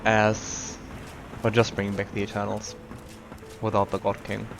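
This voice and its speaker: A man's voice: on the low side, monotone, a little slow, vocal fry, noisy background. A man hosting a let's play, giving casual commentary on a game. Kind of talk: casual game commentary with read-aloud dialogue. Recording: game music under the voice.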